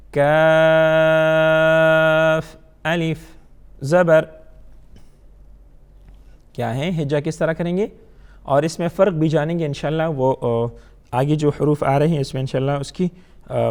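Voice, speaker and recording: A man teaching Quran reading, who slowly draws out each letter and then chants the syllables loudly, and often clears his throat. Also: on the high side, muffled recording. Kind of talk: slow spelled-out teaching drill.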